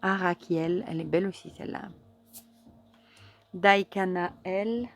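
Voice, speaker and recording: A woman casually reviewing an oracle card deck, chatty and admiring, with many fillers and soft, near-whispered asides. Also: fairly low pitch, measured pace. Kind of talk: casual show-and-tell review.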